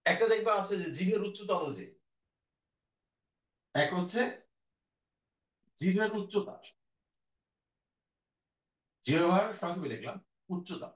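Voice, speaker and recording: High-voiced man teaching in an echoey room. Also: animated. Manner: explains slowly, demonstrates vowel sounds aloud; addresses students directly, patient. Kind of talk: recorded online class lecture. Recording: dull, echoey room audio.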